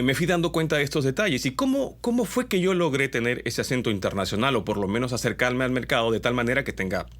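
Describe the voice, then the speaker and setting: A Peruvian man who works as a voice-over announcer, explaining to his viewers in an animated teaching tone, his Peruvian accent somewhat mixed, often ending points with a question. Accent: Peruvian Spanish, mixed. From Peru. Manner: animated, pitch jumping up on key points; explanatory, with frequent tag questions. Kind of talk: instructional talk to viewers.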